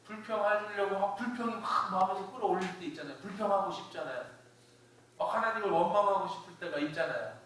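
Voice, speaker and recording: A man's voice: sits high, quick pace, fairly bright tone. A man pastor giving a conversational, emphatic sermon with personal stories, recorded in a church. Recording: very echoey church hall from a distance with faint hiss.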